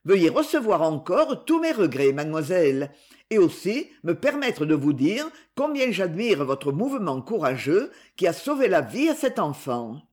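A woman's voice: on the low side, sing-song, moderate pace, a little mellow. A woman voicing a charming young male count, courteous yet imperious, in an audiobook.

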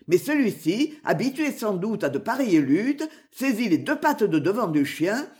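Expressive woman reading a novel aloud. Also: medium pitch, normal speed. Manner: expressive storytelling. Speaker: audiobook reader.

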